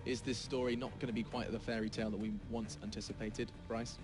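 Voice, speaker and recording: A man casting a live esports final with energetic, emphatic play-by-play. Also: lowish voice, quick pace, over music. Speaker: esports caster.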